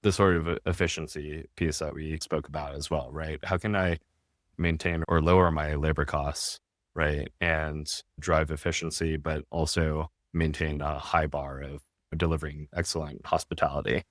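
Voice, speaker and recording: A man's voice: extremely low pitch, flat delivery, normal speed, no echo, clean studio sound. A man talking casually as a podcast guest, explaining steadily and often tagging his points with "right?". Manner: tags statements with a questioning "right?"; explains steadily, with small restarts. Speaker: guest, restaurant tech founder.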